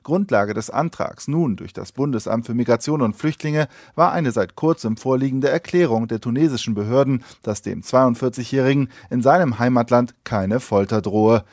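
A man's voice: mid-range voice, moderate pace, few pauses, darkish tone, no room sound, clean studio sound. A man reading a factual radio news report. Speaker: radio correspondent.

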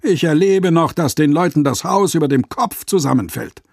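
A man's voice: fairly high pitch, expressive, moderate pace, vocal fry, darkish tone, dry recording, clean studio sound, pitched above the performer's own voice. A man voicing a fussy, scolding master shoemaker in a radio fairy tale reading, raised and lecturing. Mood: indignant scolding.

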